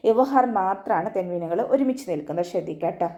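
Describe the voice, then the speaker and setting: A woman teaching Quran recitation online, explaining each rule patiently step by step and then chanting the verse words slowly. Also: fairly low pitch, lively intonation, dull audio. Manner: patient step-by-step explanation, often ending with a soft "tto". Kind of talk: online tajweed lesson.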